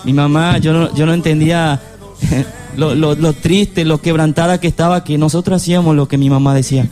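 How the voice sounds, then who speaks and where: Man, fairly high voice, halting testimony, faint music behind. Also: steady tone, darkish tone. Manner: halting, stumbling over words. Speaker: guest giving testimony. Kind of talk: emotional personal testimony.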